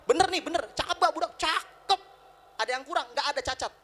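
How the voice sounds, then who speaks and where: A man's voice: very high voice, fast talker, a bit bright, pitched above the performer's own voice. A man voicing a mischievous male prankster who sells off his friend at a market, teasing and bold in his street-seller patter. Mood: hawking.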